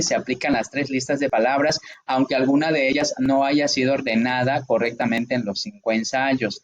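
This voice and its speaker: A man's voice: mid-range voice, slight background noise. A man teaching a lesson, explaining a test procedure step by step and checking often that his listeners follow. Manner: patient, repeats checks with listeners. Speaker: instructor.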